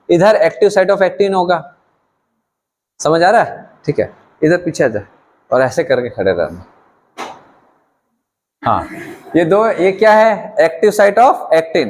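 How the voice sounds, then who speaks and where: A middle-aged man teaching a biology class, acting out a demonstration with students and often asking whether they follow. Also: sits high. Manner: animated, asks students questions and calls them "beta". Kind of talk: classroom lecture with live demonstration.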